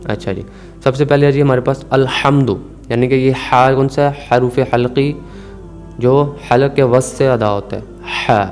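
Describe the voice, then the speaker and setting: A man teaching Quran recitation rules, calmly explaining and slowly stretching out recited words to demonstrate. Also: medium pitch, faint music behind. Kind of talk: tajweed lesson.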